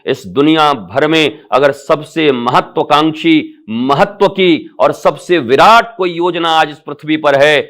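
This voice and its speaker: A man's voice: a little high, takes it slowly, hardly any pauses. A middle-aged man, a spiritual teacher, giving an impassioned devotional discourse full of rhetorical calls to his listeners. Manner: impassioned, rising to emphatic peaks then softening.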